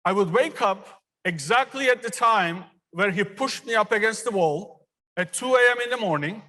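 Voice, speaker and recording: A man's voice: sits high, lively intonation, bright, forceful tone. A man in his fifties from Turkey, an engineering professor giving an earnest, personal commencement speech in a large theater. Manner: earnest, personal storytelling with pauses. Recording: long reverb of a large hall.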